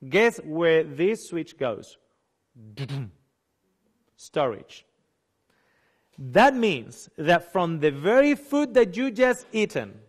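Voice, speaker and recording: A man with a Spanish-speaking accent who gives a nutrition seminar and speaks in a lively way, asking the audience questions and acting out what people say. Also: high voice. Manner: animated, questions the audience, acts out quoted people; slips and restarts words. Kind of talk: seminar lecture.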